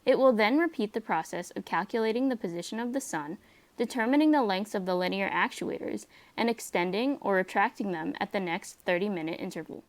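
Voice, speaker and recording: Mid-pitched young woman, scripted technical narration. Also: brisk. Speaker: student project presenter.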